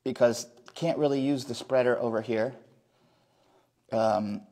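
A man's voice: medium pitch, fairly even intonation, a little slow, mellow. A man in his thirties giving a live hands-on woodworking demonstration in a large workshop, explaining as he works and often restarting his sentences, recorded by a phone camera a few meters away. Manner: explains while working, restarts and self-corrections. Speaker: woodworker doing a live demo. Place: large indoor wood workshop.

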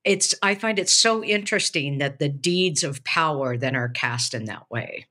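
A woman's voice: low-pitched, expressive, normal speed, pushed and bright. A woman co-hosting a casual discussion about a Bible passage on a video call, thinking aloud with frequent restarts and fillers. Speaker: podcast co-host, preaching professor. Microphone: webcam on a video call.

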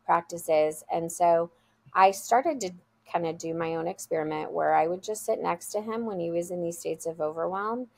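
A woman's voice: fairly low pitch, moderate pace, creaky. A woman guest telling heartfelt stories about her school in a casual interview over a video call. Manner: earnest, heartfelt storytelling.

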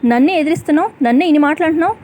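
A woman voicing a scheming, spiteful middle-aged mother-in-law who sneers and threatens, in a quick serial recap. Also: high-pitched, darkish tone, pitched above the performer's own voice, lightly acted. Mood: furious.

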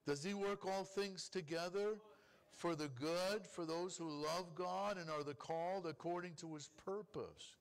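Rabbi preaching with rhetorical questions. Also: male voice, high-pitched, unhurried. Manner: acts out complaining prayers in a pleading voice. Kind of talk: sermon. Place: congregation hall.

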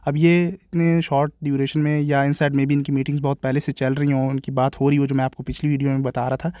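A man's voice: medium pitch, little pitch movement, brisk, dark tone, no echo, studio quality. A man with a Pakistani Urdu accent, a cricket vlogger giving casual, exasperated commentary straight to his viewers. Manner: opinionated, exasperated, addresses viewers as brother.

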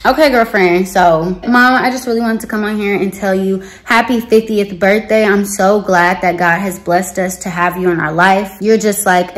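Gushing young woman, mid-pitched. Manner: affectionate, gushing. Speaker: vlogger, daughter. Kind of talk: casual video message. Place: room at home, indoors.

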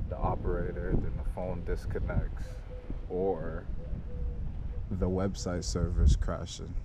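A young man talking casually while walking outdoors on a neighborhood street, holding a 360 camera on a selfie stick, in a laid-back, slangy vlog. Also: low-pitched. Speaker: vlogger. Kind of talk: casual walk-and-talk vlog. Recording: outdoor recording with clear street noise.

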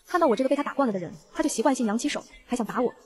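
A woman narrating a novel in the first person, in a brisk, even storytelling read. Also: fairly high pitch. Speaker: audiobook narrator.

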